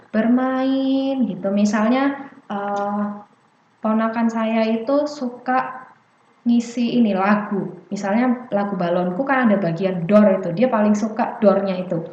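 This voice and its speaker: Chatty woman giving an online seminar. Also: on the high side. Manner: chatty, often ends points with "gitu". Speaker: speech development presenter. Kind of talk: online parenting seminar talk. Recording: echoey, dull lo-fi audio.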